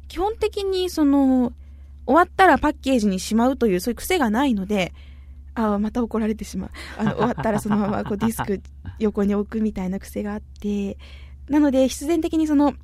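A woman's voice: fairly high pitch, animated, brisk, darkish tone, dry recording. A woman with a Kyushu Japanese accent hosting a radio chat show, reading listener messages in a playful, chatty way and slipping into local dialect. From Kumamoto, Japan.

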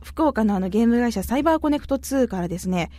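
A woman's voice: fairly high pitch, lively intonation, fast, dark tone, no room sound. A woman with a Kyushu Japanese accent hosting a radio chat show, reading listener messages in a playful, chatty way and slipping into local dialect. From Kumamoto, Japan.

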